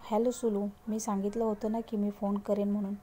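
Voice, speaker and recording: A woman narrator voicing a remorseful grown man who pleads for forgiveness, in a mellow voice close to her own. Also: mid-range voice, flat delivery, a little fast, slight background noise, natural voice. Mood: pleading. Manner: pleading, apologetic.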